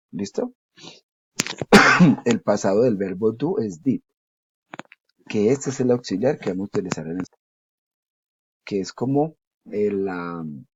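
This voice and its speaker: A male teacher explains a grammar lesson, patiently repeating each step and checking that his students follow. His voice is low, dark and somewhat husky. The recording is dry and dull, with a muffled lo-fi quality. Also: dry recording. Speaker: English teacher. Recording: dull lo-fi sound.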